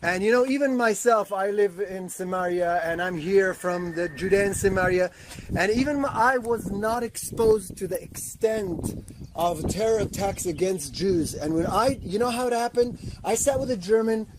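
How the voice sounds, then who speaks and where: A man from Israel talks in an earnest, animated way, pausing and restarting as he tells his story. His voice sits high for a man. A faint hiss of noise runs behind him. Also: low-quality recording. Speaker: guest, activist. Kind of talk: casual roundtable talk.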